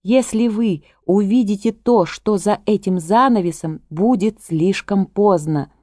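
A woman voicing a desperate woman artist who shouts urgent warnings at a crowd, in a dry recording. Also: medium pitch, normal speed, no room sound, voice pushed up, natural voice. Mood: frantic.

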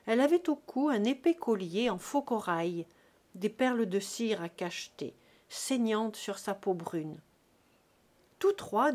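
Brief: female audiobook narrator, measured and expressive literary reading. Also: mid-range voice. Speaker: audiobook reader. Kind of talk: scripted narration of a classic novel.

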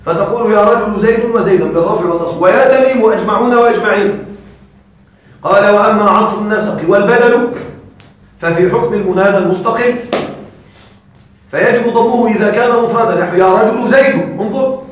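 A male grammar teacher giving a classroom lecture, quizzing his students and reciting verses slowly. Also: sits high. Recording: echoey room from a distance.

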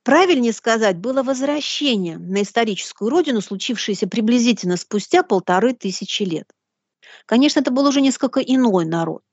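A woman giving a deliberate, didactic lecture in bookish phrasing, reading out quotations as she goes. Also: a little high, lively intonation, a little mellow, slightly rough, no room sound, lo-fi sound. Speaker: lecturer hosting a live broadcast.

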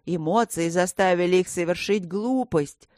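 A woman voicing an old male magister who talks in a measured, placating way. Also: fairly low pitch, darkish tone, dry recording, studio quality, natural voice.

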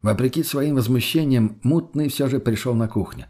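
A man reading a first-person audiobook in a steady, matter-of-fact way, with a husky voice. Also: medium pitch, normal speed. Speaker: audiobook narrator.

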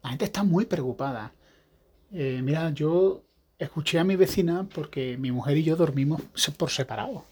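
A man's voice: on the high side, moderate pace, darkish tone, husky. A man hosting a podcast, talking in a rambling, casual monologue with frequent restarts. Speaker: podcast host; evangelical pastor.

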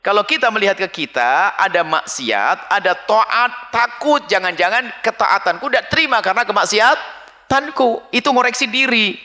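A man preaching to a live audience and answering their questions, with sharp leaps in pitch. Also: expressive, normal speed. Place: large hall with a live audience. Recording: long hall reverb over a PA.

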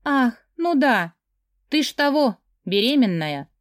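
A woman's voice: sits high, big pitch swings, takes it slowly, no echo, clean studio sound, pitched above the performer's own voice, full character voice. A woman putting on a drunk, giggly young woman. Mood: bitter. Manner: slurring, giggly, dismissive. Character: drunk, tearful young woman, flippant and bitter.

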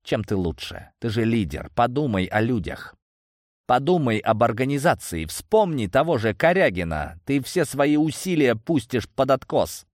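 A man's voice: mid-range voice, very animated, normal speed, dry recording, clean studio sound, pitched above the performer's own voice, lightly acted. A man voicing a cold, weary male enforcer who lectures and warns in a level voice. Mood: reproachful. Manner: cold, reproachful.

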